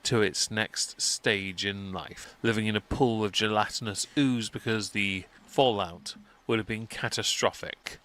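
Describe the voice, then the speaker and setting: A man's voice: lowish voice, fairly even intonation, measured pace, a bit bright. A man giving wry, wordy commentary as a political livestreamer.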